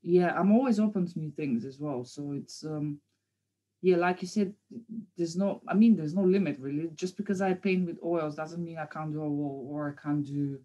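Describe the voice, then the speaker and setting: Her low, warm voice moves at a moderate pace. The woman, a painter in her thirties from Bulgaria with the accent to match, is a guest in a relaxed interview, answering informally and somewhat hesitantly.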